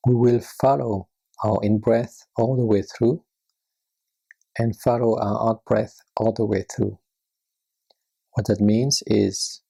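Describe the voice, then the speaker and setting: A husky, breathy, creaky mid-range voice narrates a guided meditation, keeping a gentle, soothing, unhurried manner.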